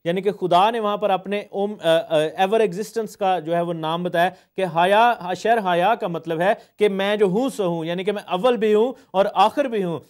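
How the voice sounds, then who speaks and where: A man's voice: sits high, measured pace, few pauses. A man, a pastor teaching a sermon, explaining word meanings with frequent hesitations and English phrases mixed in.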